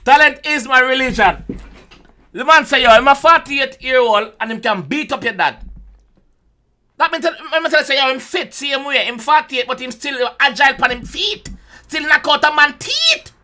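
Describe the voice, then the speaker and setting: A young man with a Jamaican accent gives an excitable reaction commentary, full of loud exclamations and swearing. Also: very high voice, normal speed, slight background noise. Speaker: music reaction host.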